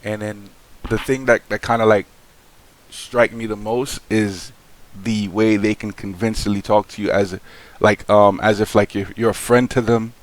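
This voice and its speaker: A young man with a somewhat low voice speaks straight to his viewers in an unscripted vlog. His talk is loose and slangy, full of fillers and restarts. He sounds frank and aggrieved as he airs his complaint. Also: flat delivery, normal speed. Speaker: vlogger. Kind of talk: casual vlog monologue.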